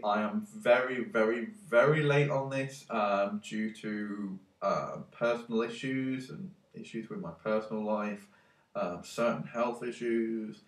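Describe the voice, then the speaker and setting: Fairly low in pitch and a bit bright, this tech vlogger's voice is captured far from the mic in his echoey room. He has a cold and sounds congested, rambling through a casual monologue full of hesitant ums and restarts.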